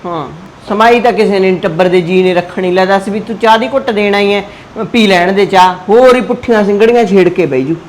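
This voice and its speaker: Woman playing a gently scolding old mother. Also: mid-range voice, brisk, slight background noise, close to an everyday voice. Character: older mother-in-law keeping family peace.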